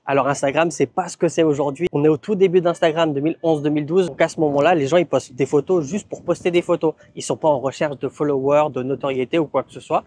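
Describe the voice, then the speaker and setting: A man vlogging in a relaxed, conversational way, with frequent fillers as he recounts his experiences. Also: fairly high pitch. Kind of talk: casual vlog narration.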